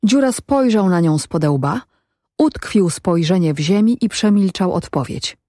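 Calm woman narrating an audiobook, lowish voice, dry close sound. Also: a little slow, no echo. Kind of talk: scripted narration.

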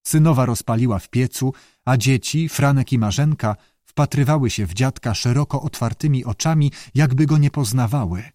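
A man reading a novel aloud in calm, measured audiobook narration. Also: mid-range voice, no echo, clean studio sound.

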